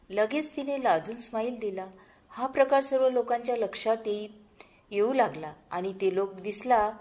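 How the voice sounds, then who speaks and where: A woman storyteller narrating a short love story in an even, gentle reading style. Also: a little high.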